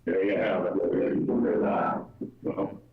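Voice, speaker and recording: A man's voice: deep voice, steady tone, takes it slowly, vocal fry. A man at a town board meeting whose voice comes back as a delayed echo over a video call, sounding like it is down a well. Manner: repeats phrases as a delayed echo. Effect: echoing call feedback, sounds down a well. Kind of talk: meeting talk. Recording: hollow echoey lo-fi video-call playback.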